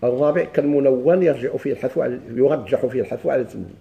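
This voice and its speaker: A man with a Moroccan Arabic accent teaching a grammar lesson. He reads lines of a text slowly, asks the class questions and answers them himself. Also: medium pitch, creaky, phone-quality sound.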